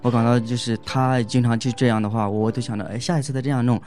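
Halting, chatty man telling a story. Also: medium pitch, steady tone, a little mellow. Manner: halting, full of fillers and restarts, laughs often. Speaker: husband giving a couple's testimony. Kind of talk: casual spoken testimony.

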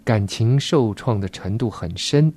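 Relaxed male radio host, mellow tone. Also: lowish voice, unhurried, dry recording. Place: radio studio.

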